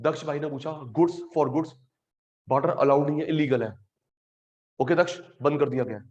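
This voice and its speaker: A man with an Indian accent teaching an online class, animated and teasing, mixing English terms into Hindi. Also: a little high, normal speed, dull audio.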